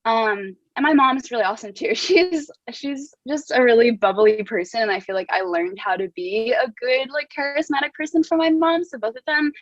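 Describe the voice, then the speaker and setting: A woman's voice: on the high side, brisk, hardly any pauses, no room sound, highs cut off. A young woman from New Jersey, a guest author talking casually in an interview, full of "like" and "um". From New Jersey, USA. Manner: chatty, heavy use of "like" and "um".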